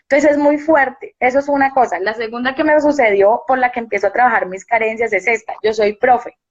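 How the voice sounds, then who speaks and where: A woman's voice: on the high side, fairly even intonation, a little fast. Woman, young, reflective storytelling, dull live-stream audio. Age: young adult. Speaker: university teacher and guest. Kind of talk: casual live-stream chat.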